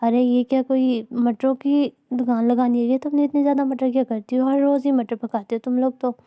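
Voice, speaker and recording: Cartoon neighbor woman, woman doing the voice, nosy, taunting, sharp-tongued, highish, dry close sound. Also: little pitch movement, brisk, no room sound, muffled recording, lightly acted.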